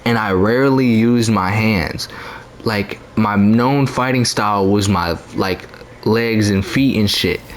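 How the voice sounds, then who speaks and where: A man's voice: fairly low pitch, a little hiss or hum. A young man telling a story casually into his own mic, rambling with lots of fillers, slang and profanity. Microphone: own desk mic.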